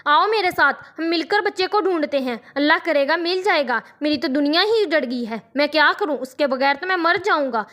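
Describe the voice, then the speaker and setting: A woman's voice: high-pitched, expressive, few pauses, a bit bright. A woman reading a storybook in the voice of a grieving father, anguished and scolding. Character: grieving father who turns furious.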